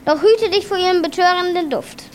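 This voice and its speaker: Woman as Hermes, a haughty high-voiced god. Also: a little fast, a little hiss or hum. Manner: haughty, pompous. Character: proud, boastful male messenger god, defensive about losing. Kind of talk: children's audio drama acting.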